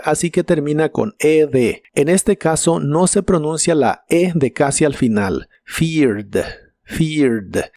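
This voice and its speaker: Male language tutor, fairly high voice, dry close-miked read, slow careful model words. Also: darkish tone, no room sound. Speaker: English teacher. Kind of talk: scripted vocabulary lesson.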